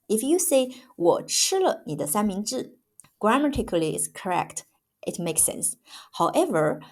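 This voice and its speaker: Woman language teacher, lowish pitch, emphatic and patient, walks through examples slowly. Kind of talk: explanatory grammar lesson.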